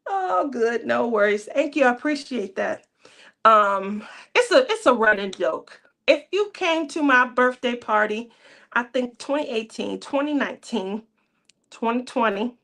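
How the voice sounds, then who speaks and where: A woman's voice: fairly high pitch, gravelly, fairly bright tone. A woman, hosting a casual craft livestream, chatty and teasing with frequent laughter. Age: 30s. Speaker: craft channel host.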